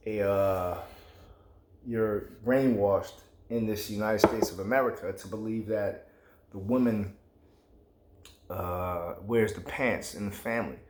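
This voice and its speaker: A man's voice: fairly low pitch, roomy sound. A man vlogging, giving his opinions in a casual, emphatic, rambling way with plenty of slang.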